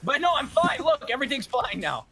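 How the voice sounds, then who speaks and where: A man's voice: very high-pitched, very animated, brisk, gravelly, bright, forceful tone, slight background noise, full character voice. A man playing Scout, a brash, cocky young male mercenary who wisecracks and acts mock-offended. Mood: deadpan. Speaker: character guest on charity stream.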